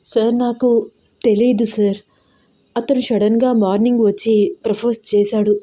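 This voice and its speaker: A woman voicing a nervous young woman, the younger sister, speaking in a hurried way. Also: mid-range voice, mellow, natural voice.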